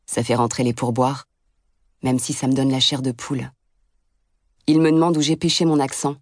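A woman's voice: a bass voice, flat delivery, moderate pace, dry recording, clean studio sound. A woman reading an audiobook as a blunt, sardonic first-person narrator.

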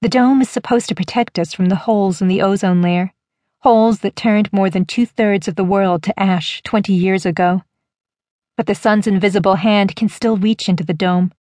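Woman reading an audiobook in first person, measured and steady, mid pitch, dry close sound. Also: no echo. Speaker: audiobook narrator. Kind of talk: scripted first-person narration.

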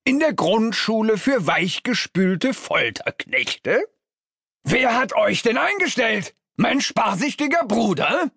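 A man voicing a hot-tempered devil father who runs hell, gruff, impatient and prone to shouting. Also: fairly high pitch, wildly swooping pitch, slow pace, no echo, clean studio sound, pitched above the performer's own voice, exaggerated voice. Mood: mocking.

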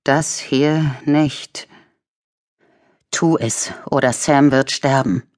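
A woman voicing the hushed, urgent inner voice of a tormented man in a thriller audiobook. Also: rumbling low, steady tone, very slow, heavily acted. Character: tormented man's guilty inner voice.

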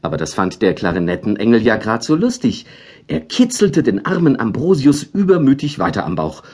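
Man reading a kids story, kinda husky voice, really lively up and down. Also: medium pitch, normal speed. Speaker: audiobook narrator.

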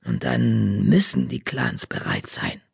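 A man lowers his voice into a croaking, blind old tomcat seer from a storybook. The voice is deep and rough, grave and slow. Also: huge pitch swings, no room sound, clean studio sound, heavily acted.

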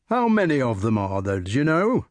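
A man voicing a slow, solemn older knight who speaks ponderously and deliberately. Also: mid-range voice, wildly swooping pitch, darkish tone, dry recording, studio quality.

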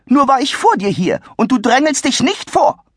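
A man's voice: extremely high pitch, very animated, normal speed, fairly bright tone, no room sound, clean studio sound, voice pushed up, heavily acted. A man putting on a shrieking bossy older woman. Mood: indignant. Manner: shrieking, scolding, indignant.

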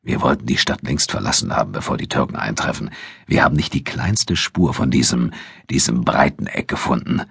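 A man's voice: rumbling low, brisk, gravelly, a bit bright, husky, dry recording, clean studio sound, voice pushed down, full character voice. A man voicing a sardonic adult Nubian warrior who talks in an offhand, mocking tone. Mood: irritated, low.

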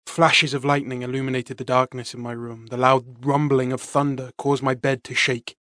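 A man narrates a story in the first person, measured and dramatic. His voice sits at a middle pitch and is recorded close and dry. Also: little pitch movement, bright, forceful tone, no echo. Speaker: audiobook narrator.

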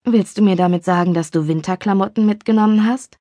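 A warm, teasing young man from a romance audiobook, voiced low and breathy by a woman narrator. He speaks quietly and intimately, the sound dry and close. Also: fast talker, no room sound, lightly acted. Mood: tender, teasing.

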